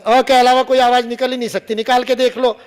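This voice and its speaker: A man's voice: extremely high pitch, little pitch movement, fast talker. A man giving a university lecture, explaining with sound demonstrations and getting the audience to try them, dropping English phrases into his talk. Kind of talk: public lecture.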